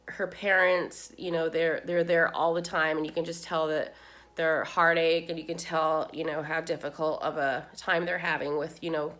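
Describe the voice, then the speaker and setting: A woman's voice: sits low, level tone, moderate pace, a bit bright. A middle-aged woman vlogger chatting casually while doing her makeup, rambling with many fillers, crying as she talks. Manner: rambling, many "you know"s, tearful and heartfelt.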